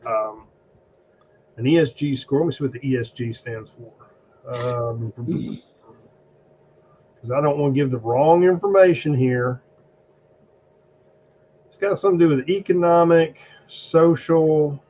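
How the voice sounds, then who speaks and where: A man's voice: on the high side, unhurried, pauses often, dark tone, slight background noise. A man hosting a casual podcast chat, blunt and emphatic, with plenty of swearing. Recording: dull lo-fi recording.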